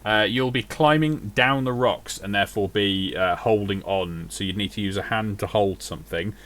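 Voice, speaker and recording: A man with a fairly low voice runs a tabletop game as game master. He calls out rolls and damage in a relaxed, matter-of-fact way. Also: moderate pace.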